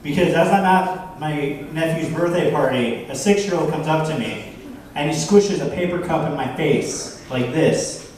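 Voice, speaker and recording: Man in his thirties, stand-up comic, self-deprecating, halting with fillers, fairly high voice, very echoey bar, heard from afar, faint room noise. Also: darkish tone, recorded from a distance. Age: 30s. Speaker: stand-up comedian. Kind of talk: stand-up set. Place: bar stage.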